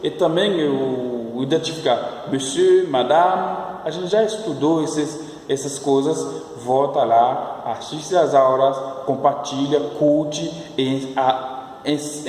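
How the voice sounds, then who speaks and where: Male teacher, slow drilling delivery, echoey hall sound. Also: fairly high pitch, darkish tone, far from the mic. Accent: French. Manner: drills words slowly, repeats, coaxing and teasing. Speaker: French teacher. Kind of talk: online language lesson. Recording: echoey room, voice off-mic.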